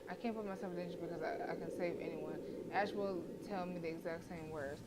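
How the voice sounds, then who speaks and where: On a noisy livestream mic, a woman reads a horror visual novel's text aloud in a lowish voice, brisk and steady in tone. It's casual, and she often stumbles and corrects herself mid-line.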